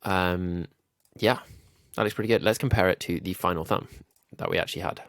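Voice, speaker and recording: A man's voice: low voice, a little fast, fairly bright tone, no room sound, studio quality. A man with a nasal, slightly ill voice, thinking aloud with frequent ums while walking through a design tutorial. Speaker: YouTube growth coach. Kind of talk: screen-recorded design tutorial.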